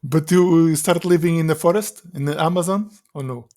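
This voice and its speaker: A man hosts a podcast and asks his questions softly, with a mellow, dark tone. He hesitates and restarts a little as he phrases things. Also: a little high, moderate pace. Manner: soft-spoken, hesitant questions. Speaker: podcast host. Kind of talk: casual interview.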